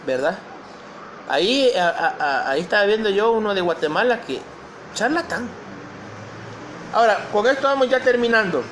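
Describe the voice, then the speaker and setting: A man's voice: very high voice, a little hiss or hum. A male pastor preaching a sermon, posing questions to the congregation and reading scripture aloud.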